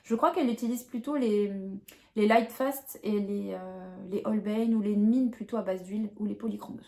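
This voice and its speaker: A woman's voice: mid-range voice, normal speed, mellow. A young adult woman chatting casually to camera about her coloring books, talking with frequent fillers and restarts.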